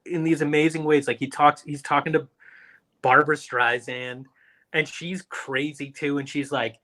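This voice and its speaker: This podcast co-host has a fairly high voice and takes his time. Chatting casually, he tells stories with gusto and parodies the voices of whoever he's quoting.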